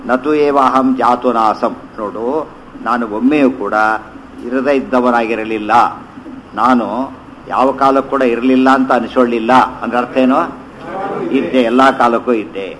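A man teaching a scripture commentary, chanting verses slowly and then explaining them conversationally with rhetorical questions. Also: medium pitch, fairly even intonation, fairly bright tone, slight background noise, poor audio.

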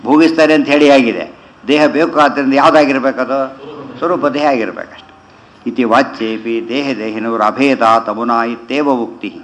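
Man slowly expounding scripture. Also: mid-range voice, rough recording. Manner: chants verses slowly, then explains in quick conversational asides. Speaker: religious teacher. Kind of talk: scripture commentary lesson.

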